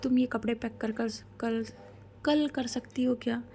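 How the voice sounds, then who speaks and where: A woman storyteller voicing a young woman boss who snaps irritably, then pleads softly. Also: a little high, fairly even intonation, unhurried, vocal fry, slight background noise. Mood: irritable.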